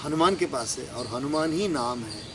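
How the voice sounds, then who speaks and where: A man's voice: medium pitch, lively intonation, moderate pace. A man giving a religious discourse, explaining scripture verses line by line and asking and answering his own questions. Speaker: spiritual teacher. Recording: clear background noise with crickets.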